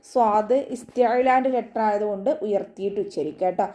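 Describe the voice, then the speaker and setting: A woman's voice: mid-range voice, a little fast, warm tone. A woman teaching Quran recitation in an online lesson, explaining pronunciation patiently, step by step. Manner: patient, step-by-step instruction with frequent tag questions.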